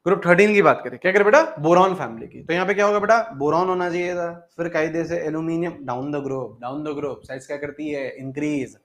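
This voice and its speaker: Coaxing male teacher, slightly high. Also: brisk, few pauses, fairly bright tone. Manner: repeats questions to the class, calls students 'beta'. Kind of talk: exam-prep chemistry lesson.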